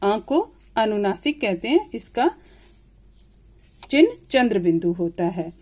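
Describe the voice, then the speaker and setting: Slow, patient woman teacher. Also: medium pitch, sing-song, a little mellow. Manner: slow, patient, repeating examples aloud. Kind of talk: grade-school grammar lesson.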